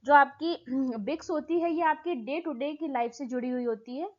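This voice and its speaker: A woman teaching exam prep, affectionately addressing students and repeating each point, reading English questions out slowly. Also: high-pitched, muffled recording. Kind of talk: explaining lesson in Hindi mixed with English.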